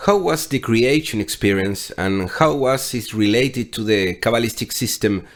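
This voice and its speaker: A man acting as interviewer, putting a prepared question to his guest in a steady, precise way. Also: medium pitch, moderate pace.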